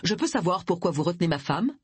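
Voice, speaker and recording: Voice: mid-range voice, very animated, fast talker, slightly rough, no room sound. A narrator voicing a tall man who demands answers indignantly. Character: tall indignant husband on holiday.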